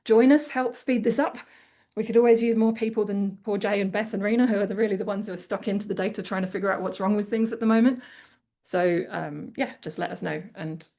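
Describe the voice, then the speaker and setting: A woman's voice: mid-range voice, steady tone, brisk, dark tone. Australian woman, conference presenter, candid and conversational, mid-range voice. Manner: candid, conversational, many fillers like "like". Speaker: conference speaker. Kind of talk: conference talk and Q&A chat.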